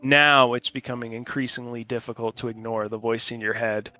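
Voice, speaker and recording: Male game master, bright voice, informal, halting, tabletop narration, faint background music. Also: medium pitch, steady tone. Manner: informal, halting while checking rules. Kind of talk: running a tabletop role-playing game, improvised narration.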